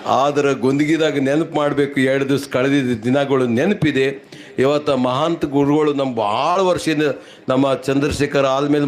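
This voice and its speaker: A man, a stage comedian telling folksy jokes in rhymes to a village audience. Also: mid-range voice. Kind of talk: humorous storytelling at a village event.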